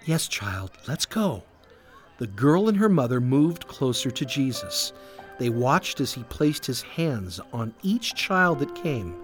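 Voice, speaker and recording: A man narrating a children's story and then speaking directly to young listeners, with an animated storybook delivery. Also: medium pitch, a little slow, soft background music. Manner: animated, warm storybook reading. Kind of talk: scripted narration for kids.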